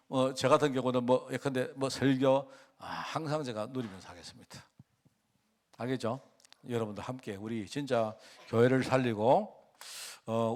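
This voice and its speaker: Lively, conversational male pastor preaching. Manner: conversational, asks the congregation questions often; lively swings in pitch and loudness. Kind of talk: sermon.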